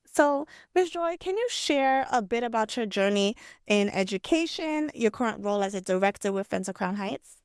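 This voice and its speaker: A woman who is an educational director hosts an interview, introducing her guest and asking questions politely and formally. Her voice is a little high, clear and resonant, with lively intonation at normal speed, in a dry, clean studio recording.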